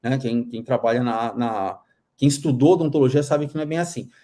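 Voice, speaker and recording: A man's voice: medium pitch, a little fast, warm tone. A man with a Brazilian Portuguese accent, teaching aesthetics professionals in a casual live class, blunt and critical, often restarting phrases. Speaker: dental aesthetics instructor.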